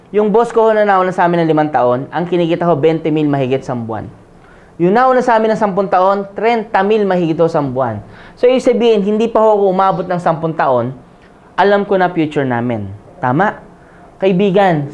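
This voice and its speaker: A man's voice: high-pitched, lively intonation, fairly quick, a little mellow. Man, live seminar talk, conversational, joking, asks crowd for agreement, lo-fi sound. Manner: jokes and laughs while telling his story. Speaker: motivational speaker.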